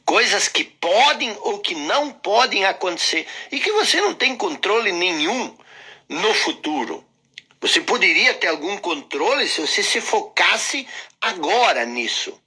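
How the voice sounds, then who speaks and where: A man teaching a motivational self-help lesson who talks straight to the listener and repeats his points for emphasis. His voice is bright and a little husky, and his pitch rises and falls with lively swings. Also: measured pace. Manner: emphatic, repeats phrases, addresses listener directly.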